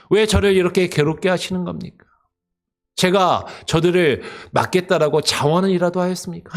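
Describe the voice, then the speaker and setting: A man's voice: high-pitched, voice pushed up. A preacher acting out an exasperated male leader who pleads with God in indignant rhetorical questions.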